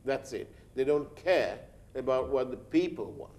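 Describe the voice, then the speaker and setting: A man's voice: medium pitch, expressive, a little slow, darkish tone. A man hosting a studio news interview, pressing his guest with challenging follow-up questions while he is losing his voice and coughing.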